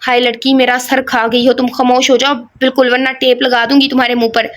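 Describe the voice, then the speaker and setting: A woman's voice: high-pitched, level tone, a bit bright. A woman doing a strict scolding mother. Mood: stern. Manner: bossy, exasperated.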